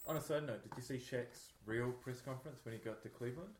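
A man's voice: medium pitch, quick pace, roomy sound, a little hiss or hum. A man co-hosting a radio show in casual chat, telling stories loosely with lots of fillers. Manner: chatty, filler-heavy storytelling.

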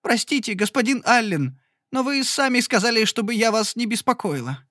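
A woman's voice: on the high side, lively intonation, normal speed, a bit bright, no echo, clean studio sound, pitched above the performer's own voice. A man voicing a clumsy, anxious young shop girl who pleads and sobs in an audiobook. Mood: tearful. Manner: pleading, breathless.

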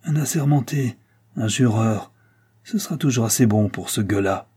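A man's voice: medium pitch, normal speed, dark tone, husky, close to an everyday voice. A man voicing a stubborn, grim Breton servant with a grave, menacing manner.

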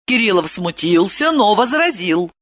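A woman narrating a novel as an audiobook, in an expressive storytelling manner. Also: medium pitch, unhurried.

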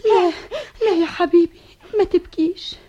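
A woman's voice: very high voice, fairly even intonation, normal speed, mellow. A woman voicing a sad, tender queen mother in an Egyptian radio play, with an Egyptian accent. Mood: tearful. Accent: Egyptian Arabic. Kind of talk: 1960s Egyptian radio drama acting. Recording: dull old radio recording.

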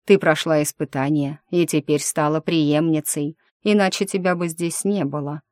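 A woman voicing a wounded male dragon-shifter who speaks softly, slowly and tenderly. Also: low-pitched, steady tone, no echo, clean studio sound, natural voice.

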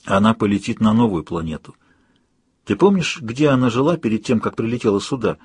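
A man reading an audiobook, voicing a calm, kindly doctor who reassures a frightened patient. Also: on the low side, fairly quick, husky, no echo. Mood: gentle.

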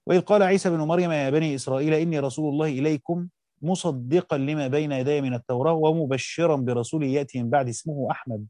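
An Egyptian man gives a quick-paced lesson, reading passages aloud and then explaining them in everyday speech. His voice is mellow and dark, recorded close and dry with no room sound. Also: on the high side, fairly even intonation, dry recording. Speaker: teacher. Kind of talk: reading and explaining a classical text.

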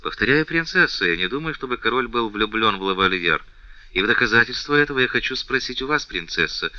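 A man's voice: fairly low pitch, bright, forceful tone, dry recording. Man reading a respectful lovesick count. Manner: respectful, restrained. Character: respectful, lovesick nobleman count, calm but tense. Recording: dull, dry lo-fi recording.

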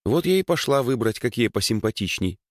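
A talkative young village girl, as a male narrator puts her on, chattering away in a voice raised high above his own. Her pitch leaps around eagerly, and the sound is dry and close. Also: expressive, brisk, dry recording, natural voice. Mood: explaining. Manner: talkative, explaining at length.

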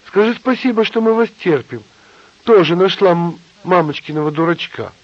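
A man voicing a quarrelsome young woman who is fierce one moment and tearful the next, in a high, sharp voice. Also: sing-song, moderate pace, husky, dry recording. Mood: scornful. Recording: slightly dull lo-fi audio.

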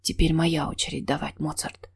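A woman voicing an intense, brooding young man who speaks in a husky, coaxing low whisper. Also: steady tone, normal speed.

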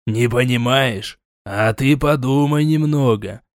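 A man's voice: medium pitch, takes it slowly, no echo, clean studio sound, lightly acted. A man voicing a stern older prince who scolds, sighs and turns suspicious. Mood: scolding. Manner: scolding, sighing, sarcastic.

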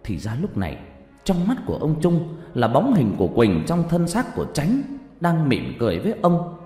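A man narrating a horror story with dramatic, expressive delivery. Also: fairly high pitch, moderate pace. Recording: echoey reverb with background music.

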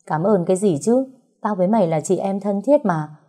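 A woman's voice: medium pitch, expressive, a little fast, dark tone, lightly acted. Woman voicing a blunt, caring best friend.

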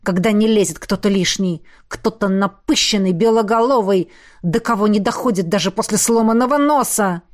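A woman's voice: mid-range voice, moderate pace, natural voice. A woman reading the part of a jealous, hot-tempered young male shapeshifter who growls and sneers. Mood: angry.

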